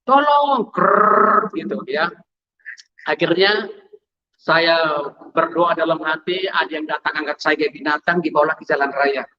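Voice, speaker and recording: A man's voice: on the high side, flat delivery, normal speed, lo-fi sound. A man telling his testimony to a congregation, storytelling vividly and acting out sounds. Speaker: testimony speaker.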